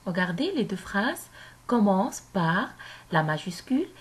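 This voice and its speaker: A woman teaching a grammar lesson to young children, speaking slowly and clearly and repeating phrases for them to say back. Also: medium pitch, very animated.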